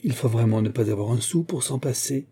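A man's voice: mid-range voice, brisk, dark tone, slightly rough, natural voice. A man voicing an envious aristocratic lady who murmurs her words.

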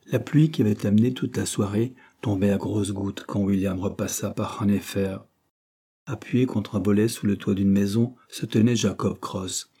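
A man reading a classic novel aloud as audiobook narrator, in a steady, measured way. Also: on the low side, breathy edge.

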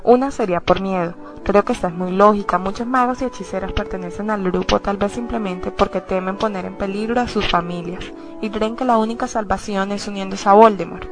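A woman's voice: medium pitch, fairly even intonation, brisk, music in the background. Colombian woman reading a listener comment. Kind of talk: read-out voice message.

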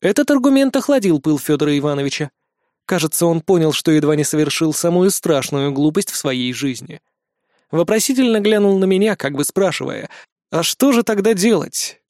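A man narrating a first-person audiobook in a lively, vivid storytelling manner. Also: a little high, dry recording, clean studio sound.

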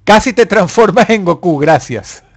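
High-voiced profane man. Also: breathy edge. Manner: profane, mock-angry and joking, reading viewer comments aloud. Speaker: live-stream host. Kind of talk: casual live chat.

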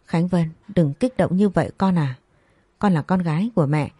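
A woman's voice: fairly low pitch, moderate pace, dark tone, breathy edge, no echo. A woman voicing an angry, scolding middle-aged mother in a storybook reading. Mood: pleading. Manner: harsh scolding.

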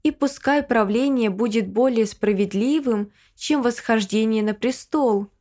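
A woman voicing a formal female ruler who speaks calmly and precisely, in a Russian audiobook. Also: fairly high pitch, measured pace, lightly acted. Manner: calm and precise.

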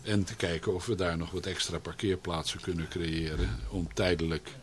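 A man answering questions on a local radio show as a municipal official, speaking haltingly with many pauses and restarts. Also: deep voice, fairly even intonation. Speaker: local alderman as radio guest.

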